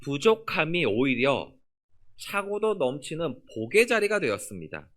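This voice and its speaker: A man preaches a sermon from the pulpit of a church, and his pitch climbs and falls in an animated sweep. When he reads scripture he lets the closing words sink down low and soft. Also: a little slow. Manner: preaching with lively rises and falls, dropping low on scripture endings. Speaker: pastor. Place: church sanctuary.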